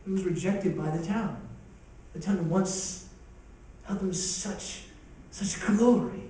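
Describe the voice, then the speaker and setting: A man's voice: high voice, slow pace, mellow, very echoey, distant mic, poor audio. A man preaching a sermon as pastor, with impassioned, rising and falling intensity. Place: church sanctuary.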